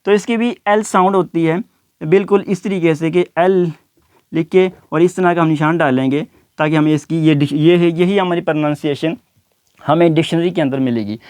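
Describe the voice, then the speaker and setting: High-voiced man teaching pronunciation. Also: a little mellow, smooth, dry recording, clean studio sound. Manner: repeats each word slowly several times. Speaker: English teacher. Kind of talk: explaining pronunciation to learners.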